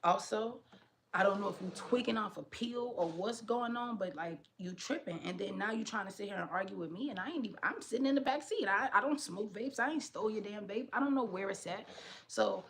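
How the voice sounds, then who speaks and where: A young woman vlogger telling a story in casual, slangy chat, animated and often addressing her viewers directly. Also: medium pitch, a little fast, a little hiss or hum.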